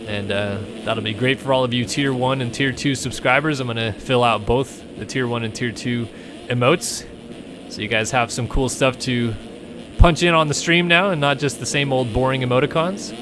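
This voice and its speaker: A young man doing live play-by-play for an online motocross race, switching between excited calls and joking chat with his co-host. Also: medium pitch, normal speed, noisy background. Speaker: race commentator and streamer. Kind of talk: live esports race commentary.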